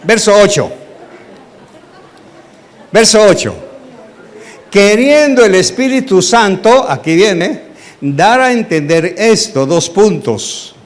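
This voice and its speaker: A man's voice: high-pitched, slow pace, pauses often. A man, a pastor teaching a Bible study sermon, asking the congregation questions and acting out dialogue. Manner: animated, asks the congregation questions, acts out dialogue.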